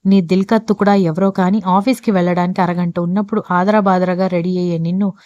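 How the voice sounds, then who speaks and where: A woman reading as a sharp-tongued teasing girlfriend. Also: fairly low pitch, fairly even intonation, quick pace, no echo, highs cut off, close to an everyday voice. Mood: scolding. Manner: scolding, teasing.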